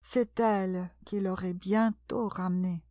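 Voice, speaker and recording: A woman's voice: medium pitch, fairly even intonation, measured pace, dark tone, no echo, clean studio sound, close to an everyday voice. A woman reading aloud and voicing an eager, polite young girl in a storybook. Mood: chatty. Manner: eager, apologetic.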